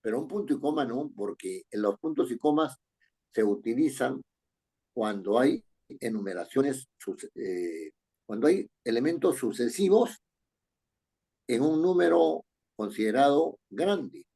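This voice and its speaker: Mellow, husky man teaching a class. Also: mid-range voice, expressive, a little slow. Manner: explains step by step, checks with "¿no?". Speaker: writing teacher. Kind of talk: online class lecture.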